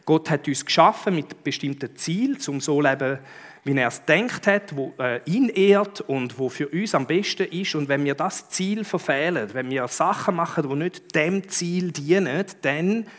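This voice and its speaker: A middle-aged pastor with a Swiss German accent preaches with a lively, conversational delivery. His voice sits fairly high for a man and swoops up and down constantly. He drives his points home with quick emphatic interjections. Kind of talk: sermon.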